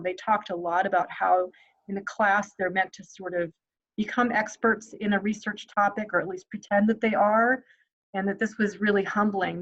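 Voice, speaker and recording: A woman on a video call informally explaining a project as a panelist. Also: mid-range voice. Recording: slightly dull video call audio.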